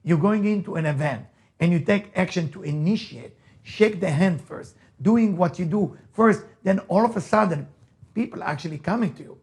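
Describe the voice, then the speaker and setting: This man, a native Hebrew speaker with an Israeli accent, speaks in a high, darkish voice at a moderate pace. A rabbi who also works as a motivational speaker and teacher, he gives a forceful motivational talk, returning to key phrases and posing rhetorical questions.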